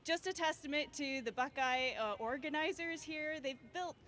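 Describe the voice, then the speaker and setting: A woman's voice: high voice, moderate pace, fairly bright tone. A woman guest performer giving an upbeat, gracious live interview at an outdoor event. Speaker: wing walker, guest performer. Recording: clear background noise, outdoor air show.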